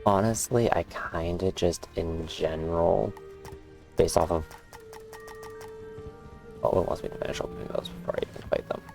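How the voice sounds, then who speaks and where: A man's voice: low voice, steady tone, moderate pace, gravelly, pauses often, a little mellow. A man giving casual, rambling, musing commentary as he plays a video game. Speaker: gamer, let's play host. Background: faint game music.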